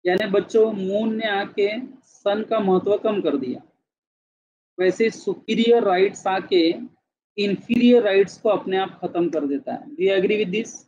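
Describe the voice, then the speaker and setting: A man with a fairly high voice teaches a class in a lecture style, moving back and forth between Hindi and English. He keeps asking the students whether they follow. The recording is a bit dull and lo-fi, made in a classroom. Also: unhurried, darkish tone.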